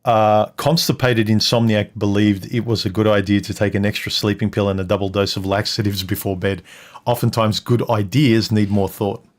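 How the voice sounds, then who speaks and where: A man with a fairly low voice chats loosely on a livestream. He rambles, drops his thread and swears without fuss, easygoing and unscripted. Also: level tone, normal speed. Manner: rambling, loses his train of thought, swears casually. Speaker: co-host of a couple's livestream. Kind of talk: casual livestream chat. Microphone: livestream microphone.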